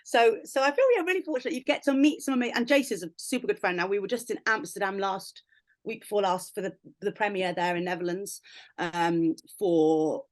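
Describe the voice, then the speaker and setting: A woman's voice: mid-range voice, brisk. A young woman, an actress, chatting casually and bubbly in an interview, with many fillers.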